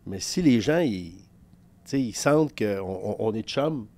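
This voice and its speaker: A man's voice: fairly low pitch, lively intonation, measured pace, a little mellow. A man in his fifties with a Québécois French accent, a sports journalist guest telling career anecdotes with quoted dialogue. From Quebec. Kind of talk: casual podcast interview storytelling.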